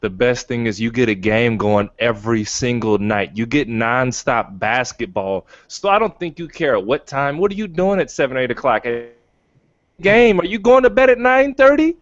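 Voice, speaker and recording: A man's voice: mid-range voice, animated, normal speed, no echo, dull audio. A man in his thirties, a basketball player guesting on a sports show, arguing casually and tripping over his words. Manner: argumentative, laughs a lot, stumbles over words.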